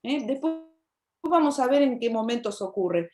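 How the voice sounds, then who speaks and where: Argentine lady teacher, slightly high voice, keeps asking "¿sí?". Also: expressive, moderate pace, darkish tone, soft background music. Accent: Argentine Spanish. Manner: explanatory, checks in with "¿sí?". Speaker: university literature teacher. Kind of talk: online class lecture.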